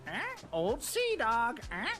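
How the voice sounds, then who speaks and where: A woman's voice: fairly high pitch, wildly swooping pitch, takes it slowly, fairly bright tone, heavily acted. A woman voicing a pirate's pet bird sidekick in a video game, parroting phrases back. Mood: mimicking, nosy. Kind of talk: video game character acting. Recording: clear music behind the voice.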